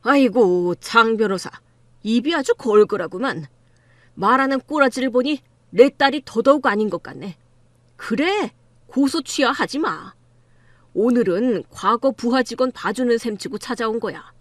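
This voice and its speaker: A woman's voice: on the high side, expressive, moderate pace, dry recording. A woman voicing an arrogant, crude middle-aged man who runs a law firm, in an audiobook drama reading, talking in a sneering, bullying way.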